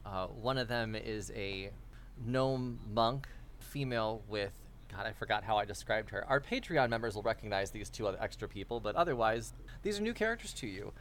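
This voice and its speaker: A man acting as game master, narrating a tabletop game in a relaxed, laughing way with slow, deliberate narration. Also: lowish voice, a little hiss or hum.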